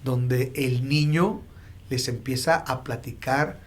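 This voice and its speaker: Man, pastor host, gentle questions, medium pitch. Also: steady tone, takes it slowly. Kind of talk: interview.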